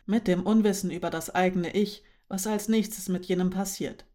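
A woman's voice: mid-range voice, steady tone, normal speed, mellow, lightly acted. A woman voicing Linoschka, a shy, dreamy young woman who speaks hesitantly and carefully.

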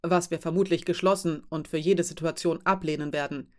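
A woman reading an audiobook voices a huge, calm female ship captain who gives orders in a factual, firm tone. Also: low voice, fairly quick, lightly acted. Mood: calm, commanding. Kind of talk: audiobook character voice.

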